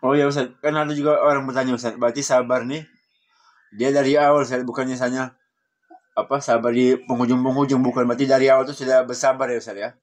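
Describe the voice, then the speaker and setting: A man hosts an online study session and keeps steering the talk with chatty follow-up questions. He speaks at a middle pitch in an everyday tone. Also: little pitch movement, quick pace. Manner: chatty, asks questions, tags "Ustaz". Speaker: session host.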